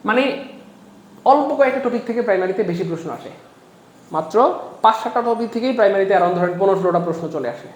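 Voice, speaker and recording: High-voiced energetic tutor. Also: male voice, echoey room. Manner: energetic, repeats phrases, asks the audience questions. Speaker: exam-prep English teacher. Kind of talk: online class lecture.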